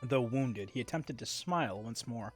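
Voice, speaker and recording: A man's voice: medium pitch, expressive, normal speed, slightly rough, faint music behind. Casting: male streamer voice reading story text, wry and conversational. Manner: wry narration with asides. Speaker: streamer narrating a game. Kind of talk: reading a visual novel aloud on live stream.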